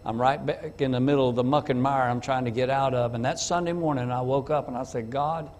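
A man's voice: mid-range voice, fairly even intonation, a little fast, darkish tone. Man preaching a testimony in a church. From North Carolina. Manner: storytelling, acts out dialogue. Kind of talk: testimony sermon. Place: church sanctuary. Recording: long church reverb, faint room noise.

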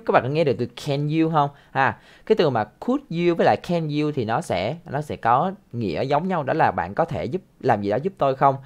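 Patient male English teacher. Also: mid-range voice. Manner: patient, repeats phrases, ends sentences with soft tag words. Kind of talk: explaining a listening lesson.

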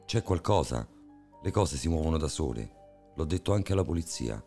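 A weary, haunted middle-aged man in a storybook reading, as a man puts him on. He speaks slowly and hushed, with a very deep, gravelly voice and a dark tone. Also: animated, faint music behind. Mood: insistent.

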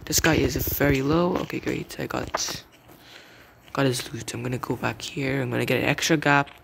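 A young man giving casual gameplay commentary, muttering to himself and repeating words rapidly in tense moments. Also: mid-range voice, fairly even intonation, gravelly, fairly bright tone. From English-speaking country with its own slang. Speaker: gamer. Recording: noisy home mic.

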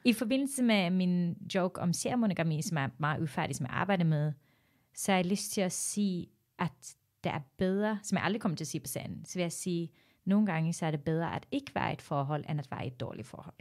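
A woman comedian talking as a podcast guest in casual chat, thoughtful and measured. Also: on the low side, darkish tone.

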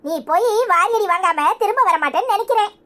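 A woman's voice: very high-pitched, lively intonation, fast, fairly bright tone. A woman playing a scornful village older sister. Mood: scolding. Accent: Kanyakumari Tamil. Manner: scornful, scolding, mocking. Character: scolding older village sister, sharp-tongued. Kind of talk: village comedy serial acting.

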